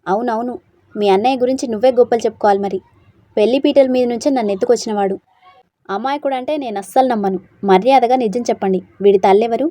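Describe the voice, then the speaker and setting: A woman's voice: fairly high pitch, fast talker, warm tone, no echo, lightly acted. A woman reading a story aloud, voicing a young wife who fiercely accuses her husband and protects a small boy. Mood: accusing. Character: angry young wife defending a little boy.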